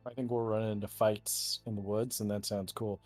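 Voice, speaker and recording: A man talks through his moves at a tabletop game in a casual, eager way. His voice sits somewhat low, with faint music playing in the background. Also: flat delivery, normal speed, darkish tone, no echo. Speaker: player.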